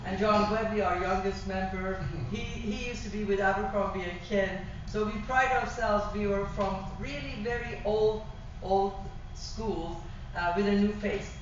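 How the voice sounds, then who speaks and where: A woman's voice: medium pitch, measured pace, a little hiss or hum. Middle-aged woman with a Persian accent. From Iran. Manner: animated, gesturing, with frequent fillers and restarts. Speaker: tour operator presenter. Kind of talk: sales presentation to an audience. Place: small function room. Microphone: far room camera. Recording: distant, echoey, dull room recording.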